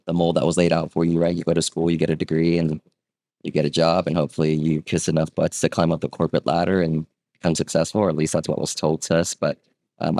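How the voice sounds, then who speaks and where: A man with a deep, low voice tells his story in an easy, chatty way, full of small fillers and quick check-ins with the listener. He sounds close to the mic in a dry room. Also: no echo. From Vietnam. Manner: relaxed, conversational, frequent fillers and rhetorical "right?". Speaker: guest, real estate agent. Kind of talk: casual interview storytelling.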